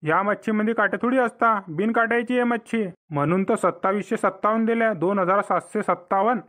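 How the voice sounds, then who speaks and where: Voicing a scheming older village father-in-law in a cartoon comedy, a man speaks with a rural Vidarbha Marathi accent in a sly, coaxing way. His voice is high-pitched, a bit bright, and fairly quick.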